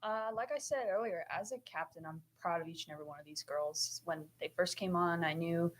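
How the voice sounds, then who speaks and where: A woman's voice: on the low side, brisk. A woman in her twenties, a senior team captain, answering interview questions in an earnest, upbeat way. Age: 20s. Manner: earnest, upbeat, repeats praise for teammates.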